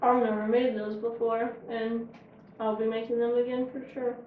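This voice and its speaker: A woman's voice: on the high side, flat delivery, moderate pace, narrow, tinny audio, a little hiss or hum. A woman hosting a casual home cooking show, chatting and joking while she tastes her food in her kitchen. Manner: chatty, joking, talks with her mouth full. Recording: echoey kitchen, mic far off.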